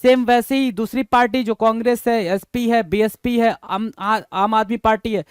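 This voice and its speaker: A man's voice: extremely high pitch, fairly even intonation, moderate pace, clean tone, no room sound. A man teaching an exam-prep vocabulary lesson, repeating each word, spelling it out letter by letter and checking in with students through rhetorical questions.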